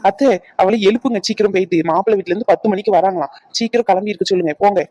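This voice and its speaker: Woman doing a cheery cartoon village girl, fast and brisk, dry sound. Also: medium pitch, warm tone, no echo, dull audio, natural voice. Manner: brisk, eager, reassuring. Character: cheerful young village woman, bearer of news. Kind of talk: Tamil cartoon voice acting.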